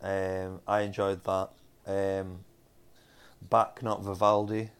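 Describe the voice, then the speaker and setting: A young Northern English man co-hosts a podcast, casually reviewing TV episodes while rambling with plenty of ums and restarts. His voice is deep, clear and resonant, with little pitch movement and a slow pace.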